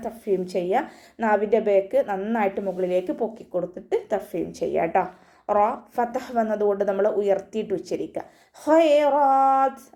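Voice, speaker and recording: A woman with a warm, mellow voice leads an online Quran recitation class. She explains each sound patiently and step by step, pausing now and then to chant a verse slowly as an example. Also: medium pitch. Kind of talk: online tajweed lesson.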